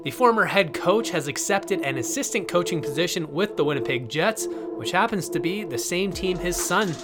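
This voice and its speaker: A man's voice: high-pitched, animated, normal speed. A man hosting a podcast with scripted, announcer-like delivery. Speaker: podcast host. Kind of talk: scripted news narration and interview hosting. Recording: loud music bed under voice.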